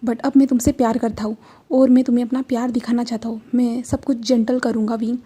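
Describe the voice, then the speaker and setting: A woman voicing a calm young man who speaks with soft, gentle reassurance, in a fan-fiction audio story. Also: a little high, quick pace, husky. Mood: tender soothing.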